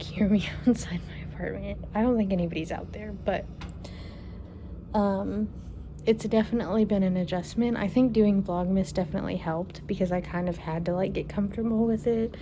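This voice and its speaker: Chatty young woman on a noisy phone recording. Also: mid-range voice. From Kentucky. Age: 20s. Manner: relaxed, chatty, thinking aloud with fillers. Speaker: vlogger. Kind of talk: casual Q&A vlog. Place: her apartment, indoors. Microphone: phone camera.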